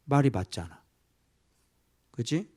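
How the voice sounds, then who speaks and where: Animated Korean pastor preaching a sermon. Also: male voice, mid-range voice, slow pace. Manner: animated, asking the congregation questions, dropping to whispered asides.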